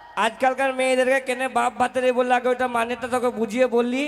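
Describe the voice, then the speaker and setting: A man playing a blustering, henpecked village husband in a folk stage comedy, bantering loudly. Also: extremely high pitch, completely flat delivery, fairly quick. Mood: arguing. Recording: reverberant live stage with music.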